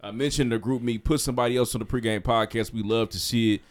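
A man hosts a podcast and rattles through the show plugs at a quick clip. His tone stays relaxed and casual, with a chatty, easygoing delivery. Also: mid-range voice. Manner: laid-back, says "man" often. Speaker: podcast host.

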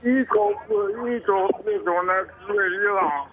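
A man speaks over a tinny, crackly phone line, his voice rather high. He talks slowly and emphatically with indignation. Crowd chatter fills the background behind him. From Beijing. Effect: heard over a crackly phone line. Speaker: caller. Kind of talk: call-in comment.

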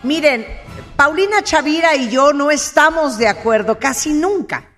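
A woman's voice: high-pitched, lively intonation, normal speed, a bit bright, faint music behind. A woman co-hosting a casual chat, joking and teasing the others. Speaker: radio co-host.

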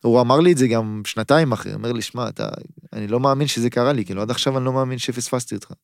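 A man's voice: mid-range voice, gravelly, no echo, clean studio sound. A man in his thirties, a footballer guest on a podcast, telling a story casually and acting out both sides of his phone calls.

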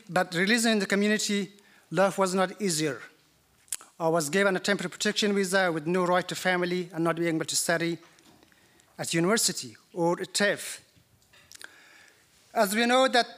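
A man's voice: sits high, a bit bright. A man from Afghanistan speaking as a panel chair and journalist, giving earnest, formal opening remarks at a conference.

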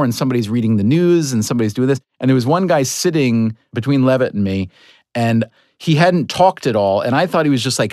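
A man's voice: medium pitch, darkish tone, no room sound, clean studio sound. A man in a casual podcast conversation as a guest author, rambling through his thoughts and laughing at his own slips. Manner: rambling, self-deprecating, laughs at himself.

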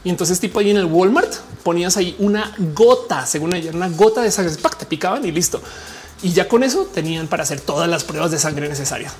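Slangy low-voiced Mexican woman. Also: lively intonation, fast talker, a little mellow. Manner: slangy, rambling with many fillers. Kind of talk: casual commentary to viewers.

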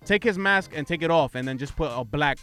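A young man talks casually on a podcast, recounting a story in loose, profane slang with bits of Spanish. His voice runs a little high, and faint music plays behind him. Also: brisk. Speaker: podcast co-host. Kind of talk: casual chat.

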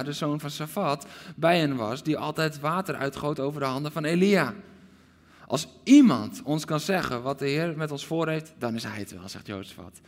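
A man preaching a livestreamed sermon, emphatic, swinging from loud exclamations to hushed asides. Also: a little high, in a large hall.

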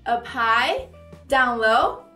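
A Brazilian-accented woman hosting a lively English lesson, drilling phrases and asking viewers to repeat after her. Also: on the high side, drawn-out words, reverberant, soft background music. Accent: Brazilian Portuguese. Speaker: English teacher and channel host. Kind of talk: YouTube language lesson.

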